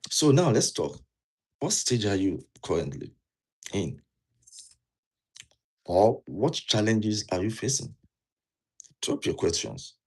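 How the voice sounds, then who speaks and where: Very animated yet slow, with long pauses, a Nigerian man gives casual immigration advice in a low, mellow, breathy voice. He has a Nigerian accent, sits indoors in a jacket, and earnestly drives home key points while asking the viewer questions.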